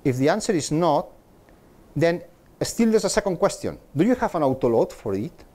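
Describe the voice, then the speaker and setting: The voice of this middle-aged man is a little high and warm, with big pitch swings at a moderate pace. He's a conference speaker giving a technical talk in a meetup room with a projector screen, frequently repeating words and restarting.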